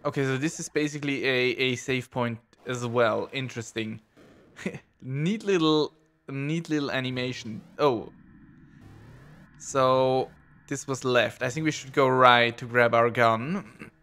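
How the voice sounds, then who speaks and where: Slow-talking let's play gamer man. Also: mid-range voice, fairly bright tone. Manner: rambling, self-deprecating, reads on-screen text aloud. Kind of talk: casual gameplay commentary.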